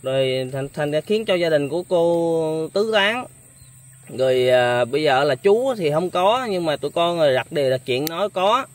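A man's voice: a little high, expressive, normal speed. A young man hosting a casual interview, speaking politely with many hesitant fillers. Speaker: vlogger host.

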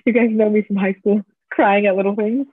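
A man hosting a podcast, telling stories in a casual, animated way and acting out the people in them. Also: sits high, fairly quick, slightly rough, dry recording, narrow, tinny audio. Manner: animated storytelling with quoted voices. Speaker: podcast host. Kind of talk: casual chat.

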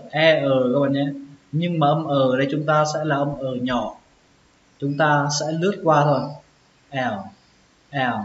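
Man, English pronunciation teacher, fairly high voice, slow repeated words, echoey dull recording with faint hiss. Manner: slow, drawn-out repetition of words. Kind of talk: pronunciation lesson.

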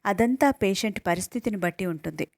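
A brisk hospital nurse who explains fees in a firm, matter-of-fact way, read by a woman narrator. Her voice sits at an ordinary pitch and sounds dry and close. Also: lively intonation, gravelly, dry recording.

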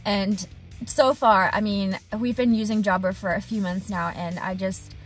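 With faint music behind her, an HVAC technician and business owner in her thirties talks at a normal pace in a mid-range voice. She's sitting in her parked truck making a casual vlog diary, gesturing animatedly toward a camera mounted on the dashboard at arm's length.

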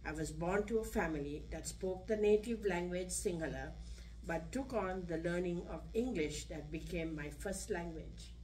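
A woman's voice: lowish voice, a little mellow. Older Sri woman reading her memoir. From Sri Lanka. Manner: measured, reads from a page. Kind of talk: reading a personal story aloud. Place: senior center room. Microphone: podium mic. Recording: distant room recording, faint hum.

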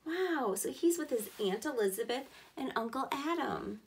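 A woman in her thirties, a preschool teacher, shares a picture book with her young class and offers clear, encouraging explanations along the way. She has a high voice with lively intonation at normal speed; the indoor recording, made close to the mic, has slight background noise.

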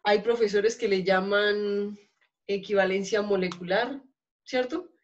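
A Colombian woman teaches a chemistry lab class, pausing often to ask her students whether they follow. The recording is dull and lo-fi, made in a classroom. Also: medium pitch. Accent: Colombian Spanish. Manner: checks in often with questions to students. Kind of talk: classroom lecture.

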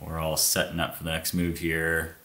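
A man co-hosting a casual climbing technique breakdown, his voice very deep yet bright and forward in tone. He explains each move step by step as he points things out on screen. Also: completely flat delivery, moderate pace.

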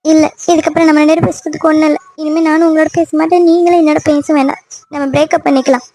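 A woman voicing a hurt, angry young woman in a cartoon love story, snapping sharp, dismissive retorts. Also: sits high, level tone, rapid-fire, slight background noise. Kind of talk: cartoon voice acting.

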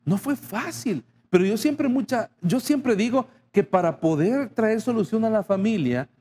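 Speaking directly to the congregation, this male pastor delivers his sermon and plays out little dialogues. He has a warm, high-sitting voice with lively intonation and an unhurried pace.

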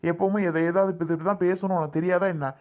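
A woman's voice: fairly low pitch, fairly even intonation, fast, darkish tone, lightly acted. A woman playing a protective young husband who argues with and pleads with his mother. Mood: dismissive. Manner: pleading and arguing, urgent. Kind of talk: family drama skit.

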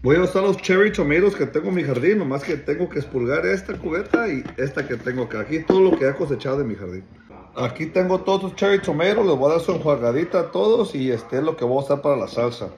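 A man's voice: on the high side, lively intonation, fast, a little mellow, slight background noise. A man, casually vlogging his family day and narrating his cooking, playful and tender with his baby.

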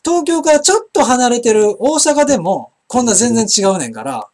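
A man's voice: extremely high pitch, big pitch swings, moderate pace, a little mellow. A middle-aged man with an Osaka Kansai accent, hosting a casual live-stream chat and rambling with many fillers as he reads viewer comments. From Osaka, Japan. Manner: chatty, rambling, frequent fillers and restarts. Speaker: internet broadcast host.

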